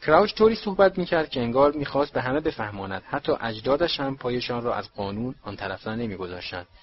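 A man narrating an audiobook in a steady storytelling manner. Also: mid-range voice, lo-fi sound. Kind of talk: scripted narration.

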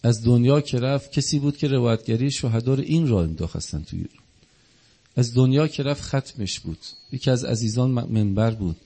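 A man's voice: mid-range voice, mellow, slightly rough. A man preaching an impassioned religious sermon, telling a story and acting out its dialogue. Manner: impassioned, acts out quoted dialogue.

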